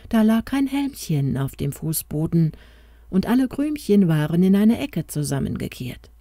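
A woman narrating a fairy-tale audiobook in a calm, expressive reading. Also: on the low side, normal speed, dry recording, clean studio sound.

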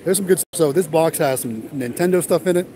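Crowd noise surrounds the livestream host, whose fairly high voice moves briskly. The vending business vlogger walks a large warehouse auction, chatting casually and calling his viewers "guys."

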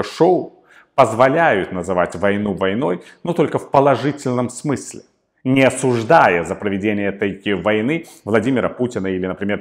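A man delivering a solo political commentary in a measured way, pausing often with hesitation fillers. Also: on the low side.

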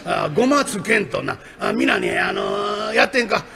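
A man's voice: high voice, lively intonation, moderate pace, gravelly, crowd noise. A man voicing a jovial, prank-loving wealthy patron who gives breezy orders in Osaka dialect. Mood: expansive. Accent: Kamigata Osaka dialect. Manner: breezy, commanding, playful.

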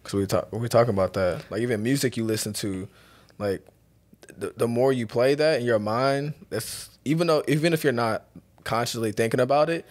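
A man's voice: medium pitch, fairly quick, a little mellow. A man co-hosting a podcast, talking earnestly about faith and mindset in casual chat. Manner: earnest, reflective, quotes sayings. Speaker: podcast co-host.

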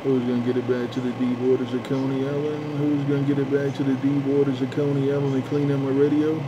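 A man's voice: medium pitch, flat delivery, fast. A man chatting over a CB radio, repeating his call-outs and drawling his sign-offs. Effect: CB radio transmission. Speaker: CB radio operator. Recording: dull lo-fi radio with static hiss.

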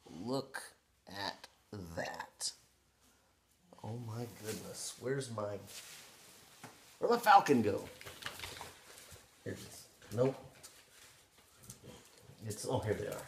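A man in his thirties chatting casually on his living room couch, showing off pipe bowls with excited, rambling talk full of restarts. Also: fairly low pitch, a little hiss or hum. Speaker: pipe hobby vlogger. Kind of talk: casual unboxing vlog.

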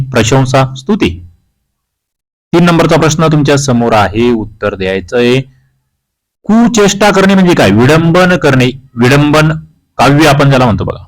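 Male tutor from maharashtra working through a grammar quiz, reads out the choices, then explains, mid pitch. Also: low-quality recording. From Maharashtra, India. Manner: reads options aloud, then explains the answer. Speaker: exam-prep teacher. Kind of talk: quiz walkthrough lesson.

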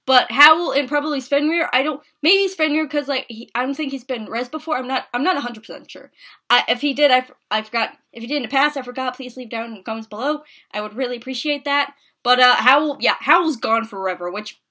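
Lady recapping an episode, high bright voice, swears a lot, keeps restarting. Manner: rambling, swearing, emotional, with many restarts. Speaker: podcast recap reviewer.

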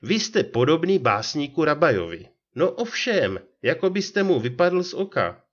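A man voicing a talkative, excitable old ferryman in a read-aloud story, exclaiming and gossiping, on a dull lo-fi recording. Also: fairly high pitch, pitched above the performer's own voice. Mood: excited.

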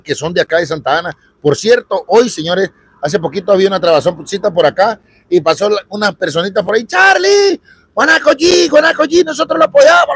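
A fairly high-voiced man with a Salvadoran Spanish accent talks to his viewers on a street livestream, chatty and upbeat. His voice is a bit husky and sounds dry and close, as if from a phone held in his hand. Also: dry recording. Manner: chatty, greets viewers by name, lively swings in pitch. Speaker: livestream vlogger. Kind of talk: casual live street stream. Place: outdoors on a city street.

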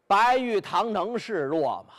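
A man performing traditional storytelling, animated and speaking directly to his listeners. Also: sits high, unhurried. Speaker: pingshu storyteller.

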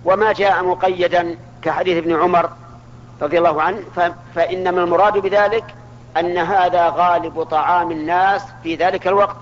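A man's voice: high voice, fairly even intonation, fairly quick, slight background noise. A man teaching a religious lesson, asking his listeners questions and answering them himself. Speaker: Islamic scholar teaching. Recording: dull lo-fi archival recording.

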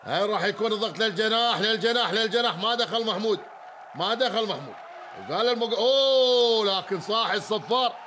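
A man with a Kuwaiti Arabic accent giving live handball commentary, excitable and shouting often, repeating phrases again and again. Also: high voice, fast talker, slight background noise.

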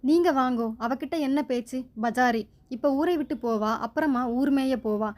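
A woman's voice: sits high, a little slow, darkish tone. A woman voicing a spiteful, scornful older mother-in-law who hurls insults.

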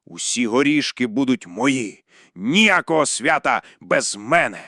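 A man's voice: animated, a little slow, sharp tone, big-room sound, heavily acted. A man doing a grumbling, stomping forest creature. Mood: booming chant. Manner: grumbling, booming chants. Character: strange stomping greedy male forest creature. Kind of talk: storybook narration. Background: music.

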